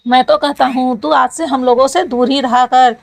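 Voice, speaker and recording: A woman's voice: high voice, steady tone, moderate pace, gravelly. A woman doing a whiny, sore college guy. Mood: aggrieved. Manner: aggrieved, complaining, scolding. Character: sore, whiny young male college student.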